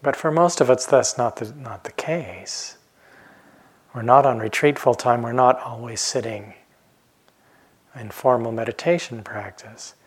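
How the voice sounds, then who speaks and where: Slow, reflective man in his fifties. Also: mid-range voice, slightly rough. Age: 50s. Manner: calm, reflective, pausing often with soft trailing phrases. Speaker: meditation teacher. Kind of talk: dharma talk. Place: retreat center hall.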